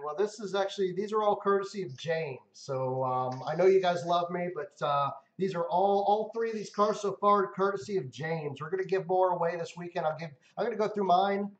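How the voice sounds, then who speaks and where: Speaking at normal speed with hardly any pauses, a high-pitched livestream host keeps things upbeat as he talks to viewers and hands out cars. His casual stream has a roomy, dull lo-fi sound.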